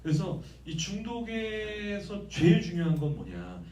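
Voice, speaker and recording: Guy preaching a sermon, high lively voice, keeps asking the crowd questions, echoey church, mic kinda far. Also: a little slow, a little hiss or hum. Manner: lively conversational preaching, asks the congregation questions. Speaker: guest pastor. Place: church sanctuary.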